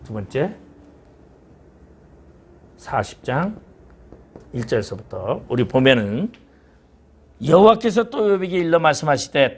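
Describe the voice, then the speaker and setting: A man's voice: a little high, darkish tone. A man preaching a sermon as pastor, acting out quoted voices of God and Job. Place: church sanctuary.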